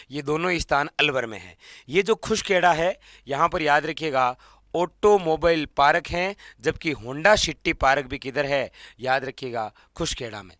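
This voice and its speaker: A man with a Rajasthani Hindi accent giving an exam prep lecture, his voice bright and forceful. He keeps drilling facts, asking quick questions and answering them himself. The sound is close and dry, with little room around it. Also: fairly high pitch, dry recording. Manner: drilling, keeps repeating "remember" and quizzing students. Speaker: exam coaching teacher. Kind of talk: general knowledge lecture.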